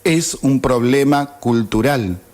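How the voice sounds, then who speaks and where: Slow, sarcastic Argentine man in his fifties. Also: mid-range voice, darkish tone. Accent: Argentine Spanish. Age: 50s. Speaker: radio host. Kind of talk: read-out opinion editorial. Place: radio studio.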